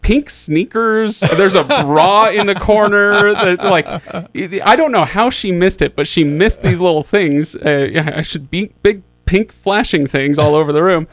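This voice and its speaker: A man's voice: sits high, a little slow, few pauses, fairly bright tone, no room sound. A man in his thirties hosting a podcast, telling a rambling story in a casual, chatty way, with lots of fillers and restarts. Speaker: podcast host.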